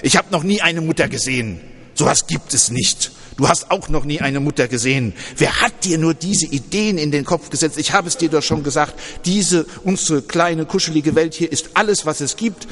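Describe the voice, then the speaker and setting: A man's voice: medium pitch, animated, a little slow, long reverb tail, close to an everyday voice. A man voicing an unborn boy in a sermon story, scoffing and indignant. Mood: scornful. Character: unborn boy, scornful and stubborn.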